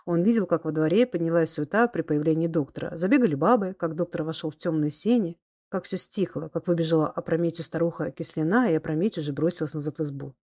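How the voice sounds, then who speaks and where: A woman reading a classic story aloud as audiobook narrator, even and measured. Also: deep voice, no echo, studio quality. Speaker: audiobook reader. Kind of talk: scripted literary narration.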